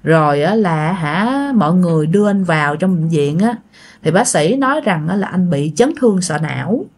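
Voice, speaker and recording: A woman's voice: on the low side, expressive, moderate pace, a little mellow, breathy edge. A woman with a Southern Vietnamese accent telling a ghost story in a casual, chatty way, often speaking straight to her listeners. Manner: chatty, addresses listeners directly.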